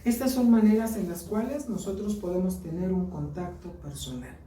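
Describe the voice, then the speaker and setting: A woman with a Mexican accent gives an earnest Bible lesson in a church hall, blending teaching with personal stories. Her voice is mid-range and warm at a moderate pace, recorded from a distance in an echoey room.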